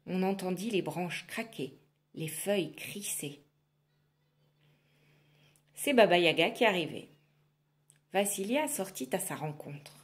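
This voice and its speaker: A woman reading a folk tale aloud in an expressive storytelling voice. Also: on the low side.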